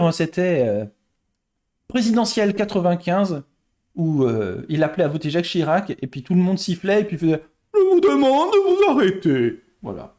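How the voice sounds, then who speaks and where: A man's voice: high-pitched, darkish tone. A man hosting a live stream, chatting casually with viewers and thinking aloud while he plays quiz games. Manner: chatty, greets and thanks viewers, thinks aloud over answers.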